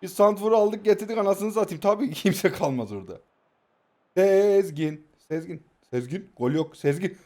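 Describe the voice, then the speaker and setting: A man, giving playful, taunting commentary over a mobile football game and bursting into excited play-by-play. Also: sits high, normal speed. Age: 20s. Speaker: mobile football gaming YouTuber. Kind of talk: live gameplay commentary, teasing opponent.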